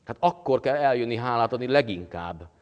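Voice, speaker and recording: A man preaching a sermon as pastor, with a halting delivery full of pauses and fillers. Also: mid-range voice, animated, in a large hall, lo-fi sound. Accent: Hungarian.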